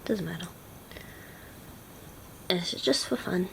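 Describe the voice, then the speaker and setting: A woman's voice: lowish voice, slow, creaky, slight background noise, rough recording. A woman vlogger chatting casually through a makeup tutorial, often dropping into half-whispers as she concentrates. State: teary-eyed.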